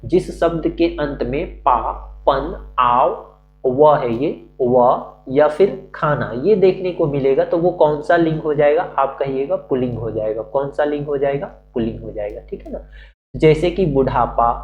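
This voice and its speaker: A male teacher giving a classroom-style grammar lesson, asking questions and answering them himself, repeating the key words. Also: mid-range voice. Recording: muffled recording with faint hum.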